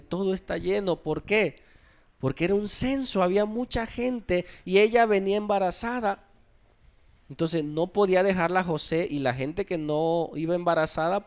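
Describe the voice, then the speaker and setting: A man with a Mexican accent preaching a sermon, asking the congregation questions and acting out little quotes as he goes. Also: a little high. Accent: Mexican Spanish. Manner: conversational preaching with rhetorical questions and acted-out quotes. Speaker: pastor.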